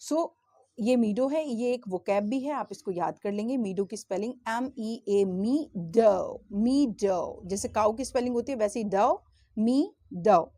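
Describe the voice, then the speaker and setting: A woman teaching English to children, slowly spelling out words letter by letter, often checking in with the learners. She speaks English with an Indian accent. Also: fairly high pitch, warm tone, no room sound. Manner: slow, patient, spells words letter by letter and asks questions; often checks in with "theek hai?". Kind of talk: spoken English lesson for children in Hindi.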